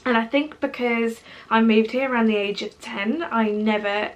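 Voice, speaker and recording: A woman's voice: on the high side, fairly even intonation, moderate pace, highs cut off. A woman in her twenties with a British accent, chatting casually to camera as a vlogger, rambling and full of fillers. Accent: British English. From Portugal. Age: 20s.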